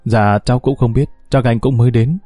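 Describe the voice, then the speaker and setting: A man's voice: medium pitch, steady tone, fairly quick, warm tone, dry recording, soft background music, lightly acted. A man voicing a polite, composed young woman.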